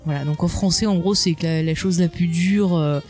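A woman guest in a casual conversation, chatty and expressive, laughing often and swearing casually. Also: fairly low pitch, brisk, soft background music.

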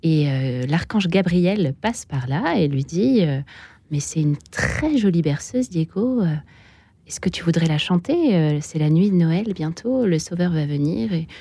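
A kindergarten teacher telling a children's story from memory in a radio studio, soft and with some fillers. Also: female voice, fairly low pitch, animated, a little slow, slightly rough, no room sound. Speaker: kindergarten teacher, author guest. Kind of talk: oral storytelling.

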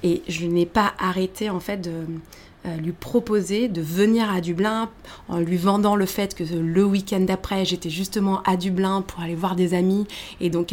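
A woman in her thirties tells her career path in a casual interview, in a fairly low voice. She talks animatedly, with many fillers and restarts. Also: darkish tone. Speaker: guest.

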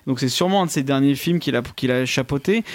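A man's voice: medium pitch, fast talker. A man chatting casually as a film critic, rambling loosely with lots of restarts. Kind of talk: casual film review chat.

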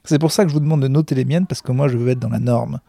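Comedian guy talking backstage, gravelly dark voice, dry close sound, lots of euhs. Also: mid-range voice, very fast, no room sound. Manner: rambling, self-mocking, many hesitations. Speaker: stand-up comedian. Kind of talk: backstage vlog monologue. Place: backstage room of a comedy club. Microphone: handheld recorder.

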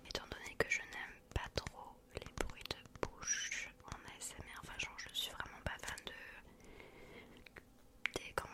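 A woman hosting an ASMR video, whispering breathily right up close in the ear, chatting casually and intimately to one listener. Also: a little slow. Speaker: ASMR video creator and host.

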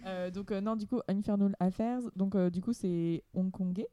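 A woman's voice: mid-range voice, steady tone, normal speed, dark tone, highs cut off. A young woman co-hosting a podcast, enthusiastic but hesitant, with many fillers. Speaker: podcast co-host. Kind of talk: casual chat.

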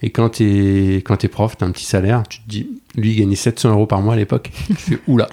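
A man in his forties talks quickly as a podcast guest, in a low, dark voice. He chats loosely, circling back and restarting his sentences with plenty of fillers. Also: fairly even intonation. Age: 40s. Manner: chatty, with many restarts and fillers. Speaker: travel blogger and tour agency owner, podcast guest. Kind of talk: casual conversational interview.

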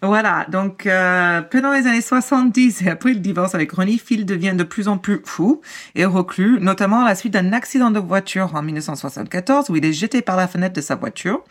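A woman co-hosting a podcast, telling a true-crime story in a casual, animated way and often laughing mid-sentence. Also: mid-range voice, brisk.

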